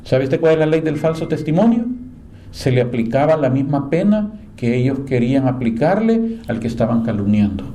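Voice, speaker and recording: In a church meeting room, a man preaches to a small live group at a moderate pace, telling Bible stories in a sermon-style Bible class. An animated storyteller, he acts out the quoted speakers in a higher voice with lively emphasis.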